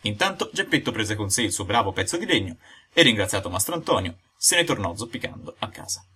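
Lively, bright-voiced male storyteller. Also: on the low side, fast talker, slightly rough. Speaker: audiobook reader. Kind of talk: scripted narration.

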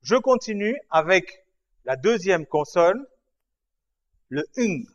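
A man gives a lesson at an unhurried pace, repeating key points and checking that his students follow. His voice sits fairly high for a man. The recording is dull and lo-fi. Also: sing-song. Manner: patient, repeats and checks understanding. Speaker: language teacher. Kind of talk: slow writing lesson.

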